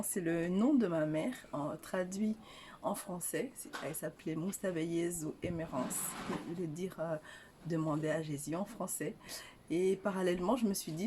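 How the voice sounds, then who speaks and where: An older Rwandan woman, an author, answers questions in a casual interview with a lowish, mellow voice over slight background noise. Her replies are hesitant, full of fillers and restarts.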